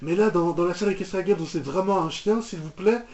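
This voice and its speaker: A reaction video host, a man with a high-sitting, darkish voice, talks a little fast as he reacts to a cartoon, casual, rambling and mock-exasperated, often repeating himself. The recording is roomy, with dull lo-fi microphone sound.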